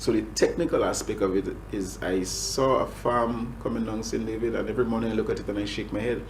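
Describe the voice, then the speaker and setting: A Grenadian man speaks as a government agriculture official in an interview. His voice sits very low, and he often stops, restarts and fills gaps with "um". A faint hum runs underneath. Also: steady tone, a little fast, poor audio. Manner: hesitant, many restarts and fillers. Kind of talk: interview answers.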